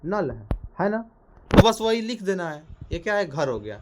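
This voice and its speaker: A man teaching a children's lesson in a small room, speaking loudly and energetically, repeating questions to the class and sounding out letters. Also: high-pitched, very animated, moderate pace.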